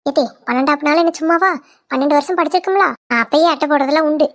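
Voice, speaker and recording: In a cartoon, a woman voices a young village daughter-in-law who is playful and talkative. Her natural voice sits high and comes out rapid-fire, with a cheeky, teasing manner throughout.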